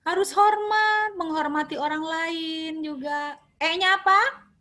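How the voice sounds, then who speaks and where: High-voiced woman lecturer, Sundanese accent. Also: takes it slowly. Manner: lively, quizzes students, mixes Sundanese and English words. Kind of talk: classroom lecture.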